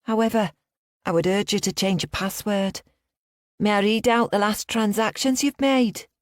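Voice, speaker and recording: A woman reads an audiobook in a medium-pitched, steady voice at normal speed, in clean studio sound with no room sound. She voices a female scam caller posing as a bank worker, pitching slightly above her own voice while staying close to an everyday one, using a put-on Liverpool accent that is formal, overly polite, smooth and insistent.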